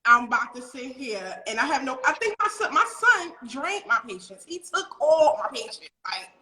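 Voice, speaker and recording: A woman in her late thirties hosting a talk show, chatting in an excitable, rambling way. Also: high voice, moderate pace, roomy sound, rough recording. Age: late 30s. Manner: excitable, rambling, laughs often. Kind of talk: casual interview chat.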